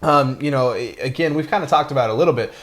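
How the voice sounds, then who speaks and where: A man's voice: medium pitch, quick pace. A man co-hosting a casual whiskey review, talking enthusiastically and rambling with many fillers.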